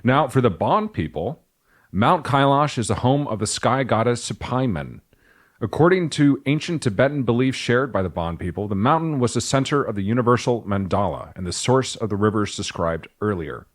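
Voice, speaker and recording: A man's voice: medium pitch, lively intonation, normal speed. A man co-hosting a podcast, reading from his notes in a casual, jokey way and breaking off for asides. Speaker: podcast co-host.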